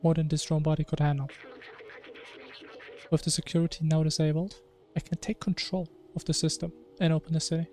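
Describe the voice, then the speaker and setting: A man voicing a small, loyal robot drone companion, reading its lines out plainly in a fairly high voice. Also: darkish tone, close to an everyday voice.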